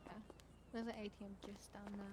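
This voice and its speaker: A woman playing a mechanic in a roleplay, talking casually and quickly, sometimes stumbling over her words. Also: medium pitch, little pitch movement, a little mellow, slight background noise. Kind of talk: in-character roleplay chat.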